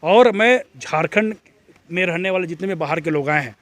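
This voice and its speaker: Man, slightly high voice, earnest, explanatory, interview answer. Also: moderate pace, fairly bright tone, no echo. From Jharkhand. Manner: earnest, explanatory, with frequent restarts. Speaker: activist interviewee.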